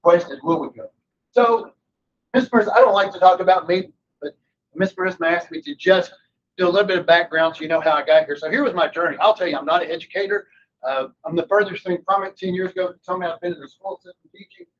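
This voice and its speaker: A man giving an energetic, salesman-like motivational presentation with rhetorical questions, standing at the front of a meeting room. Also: high-pitched, quick pace, dull audio. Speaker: guest presenter, workforce trainer.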